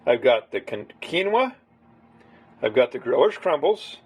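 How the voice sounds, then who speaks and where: Husky-voiced man chatting through a recipe. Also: medium pitch, very animated, unhurried. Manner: rambling, chatty, talks to viewers directly. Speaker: home cook. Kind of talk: casual cooking demonstration.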